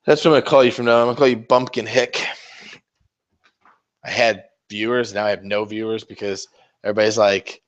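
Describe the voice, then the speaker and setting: A man's voice: fairly low pitch, steady tone, brisk, pauses often, lo-fi sound. A man livestreaming while he paints miniatures, rambling in casual, profane, teasing banter aimed at his viewers. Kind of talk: casual chat.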